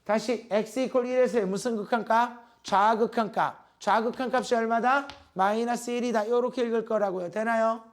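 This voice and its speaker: Male math teacher, very high voice, lectures a class and keeps checking they follow. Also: fairly even intonation. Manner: asks the class constant check questions, drawn-out emphasis on key terms.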